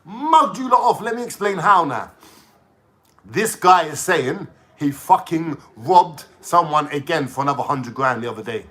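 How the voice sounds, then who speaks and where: A man's voice: a little high, animated, normal speed, pushed and bright. A young man, ranting to camera in a mocking, slangy way, swearing a lot. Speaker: vlogger.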